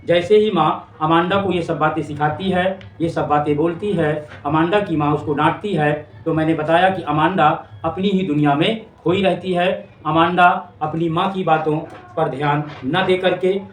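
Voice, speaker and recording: Brief: male teacher, higher-pitched voice, explains and repeats everything plainly; recorded far from the mic in a roomy space. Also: fairly even intonation, moderate pace, few pauses. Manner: repetitive, explains each line and restates it simply. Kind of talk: explaining a poem to students. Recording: echoey room, distant mic, faint background noise.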